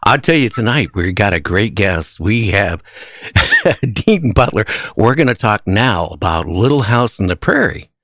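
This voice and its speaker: Jokey, excitable male radio host. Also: fairly low pitch, moderate pace, few pauses, no echo, clean studio sound. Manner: excitable, jokey, laughs easily. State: out of breath. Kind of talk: casual interview.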